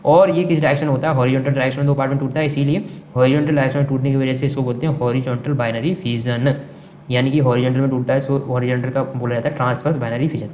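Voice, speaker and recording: A man's voice: mid-range voice, steady tone, rapid-fire, darkish tone. A man teaching a science lesson who keeps asking questions and answering them himself, and repeats the key terms. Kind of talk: classroom science lecture. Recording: echoey room with faint background noise.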